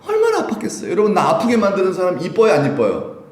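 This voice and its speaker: A man preaching a Sunday sermon as pastor, lively and conversational, often putting questions to the congregation. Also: high-pitched, fast talker. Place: church sanctuary. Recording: echoey church room.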